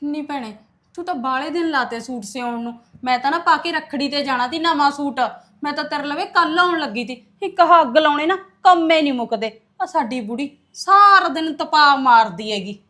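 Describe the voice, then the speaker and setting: A woman's voice: sits high, a little fast, a bit bright. A woman playing a gossiping village woman who grumbles about her old mother-in-law. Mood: grumbling.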